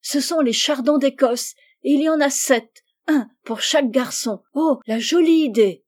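A woman's voice: sits high, measured pace, voice pushed up. Woman reading as an eager little girl. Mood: excited. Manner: bright, eager exclamations. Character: young girl, cheerful and generous.

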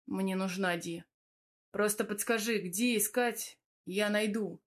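A woman voicing a brooding, irritable young man, speaking gruffly and curtly in an audiobook. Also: medium pitch, fairly even intonation, slow, lightly acted. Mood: exasperated. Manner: gruff, curt.

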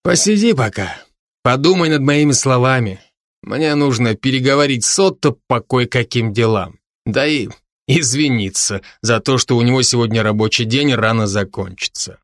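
Guy doing a wise old bard teacher, slow and sly, kinda lecturing. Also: medium pitch, no room sound, studio quality, close to an everyday voice. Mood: teaching.

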